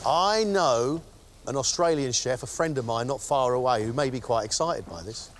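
A man's voice: mid-range voice, normal speed, slight background noise. A British man judging a TV cooking competition, chatting with contestants with dry, teasing humor. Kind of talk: TV cooking show banter. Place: TV studio kitchen. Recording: music under the voice.

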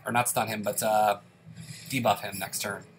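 A man's voice: on the low side, flat delivery, normal speed, noisy background. A congested man hosting a gaming channel, chatting through each move in his let's play commentary.

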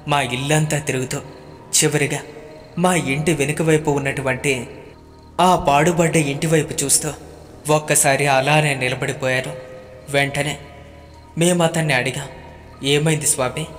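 A man telling a first-person horror story in a steady, measured storytelling voice. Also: on the high side. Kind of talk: scripted horror narration. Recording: long reverb with faint background music.

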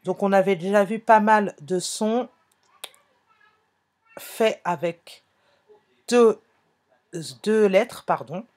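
A woman's voice: medium pitch, takes it slowly, pauses often, a little mellow. A woman teaching a phonics lesson to young children, speaking patiently, repeating herself and correcting small slips.

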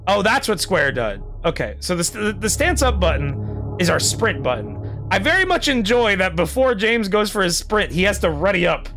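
Man, game streamer, lively varied pitch, joking, sweary, casual commentary, music underneath. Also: moderate pace. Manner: excitable, joking, swears often. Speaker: live streamer.

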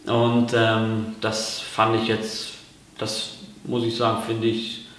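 A man's voice: fairly low pitch, monotone, slow, fairly bright tone. A man from Germany explaining things in a casual vlog, talking hesitantly with lots of fillers and restarts. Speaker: vlogger. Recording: very echoey room.

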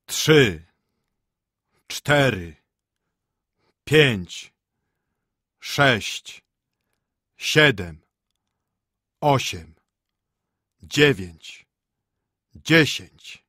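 A man's voice: mid-range voice, animated, sharp tone, slightly rough, no echo, clean studio sound, voice pushed up, heavily acted. A man voicing a tolling town bell. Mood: solemn counting. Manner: measured, counting strokes. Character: huge town bell counting the hours.

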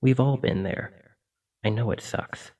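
A man speaks at a measured pace in a mid-range voice, playing a kind and apologetic sleep paralysis demon for ASMR roleplay in a gentle, reassuring, informal style. The microphone is distant.

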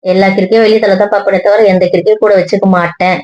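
A woman with a sharp tongue who teases her husband in casual family banter. Her voice is recorded close and dry, with a dull, lo-fi tone. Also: mid-range voice, fairly even intonation, racing, no room sound. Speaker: wife in a family skit.

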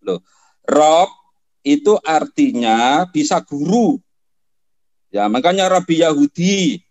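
A man's voice: on the high side, lively intonation, slow pace, darkish tone. A man arguing in a heated debate, lecturing and dismissive. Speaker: Islamic cleric in debate.

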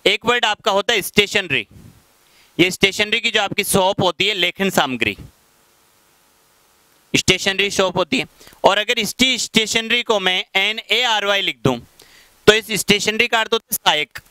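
Speaking in a high, pushed, bright voice with a clear, resonant tone, a Rajasthani-accented man in his thirties lectures on English vocabulary at a whiteboard, patiently explaining and slowing down for English example sentences. His headset mic leaves no room sound, though the recording is rough.

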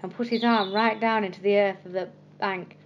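A woman storyteller reading bedtime stories for children in a gentle, expressive way. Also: medium pitch, moderate pace, muffled recording, a little hiss or hum.

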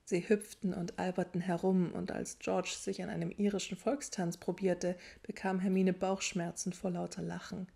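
A woman narrating a story in a steady storytelling way. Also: on the low side, moderate pace, gravelly, few pauses, slightly rough. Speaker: audiobook narrator. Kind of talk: scripted narration of a fan story.

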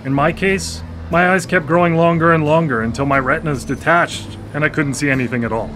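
Playing a recently blinded former engineer as the lead of a live radio drama, a man stammers hesitantly, his humor wry and self-deprecating, the mood awkward. His voice is a little high and a little fast, close to everyday speech, captured by a studio microphone with music in the background.

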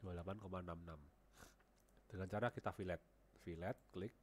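This screen-recorded software tutorial features a man with a cold working through CAD modeling on a headset. He talks in a steady, low-pitched voice, fairly quickly, thinking aloud and repeating the numbers he types, over a little hiss or hum.

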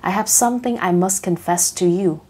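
A woman's voice: fairly low pitch, normal speed, a little mellow, husky. A woman reading the lines of a dying husband who confesses to his wife, in a tired voice. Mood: weary. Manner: tired, weak voice.

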